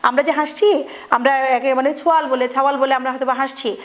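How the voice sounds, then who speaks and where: A woman with a high, light voice teaches a grammar lesson to schoolchildren. She explains patiently, circles back to rephrase, and fills pauses with small hesitations. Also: fairly even intonation. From Bangladesh. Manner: explanatory, repeats and rephrases, frequent fillers.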